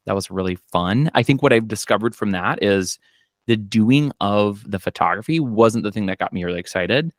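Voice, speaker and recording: Over a video call from his home office, a Minnesotan man in his thirties who works as an accountant and runs a business swaps stories on a laid-back podcast. His voice is deep, and his relaxed telling leans on fillers and quoted asides. There's no echo, just dry sound.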